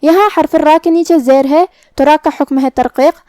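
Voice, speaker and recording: A woman teaching Quran recitation rules, explaining pronunciation slowly and carefully. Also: high voice, steady tone, mellow, no room sound. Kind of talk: tajweed lesson, explaining then reciting.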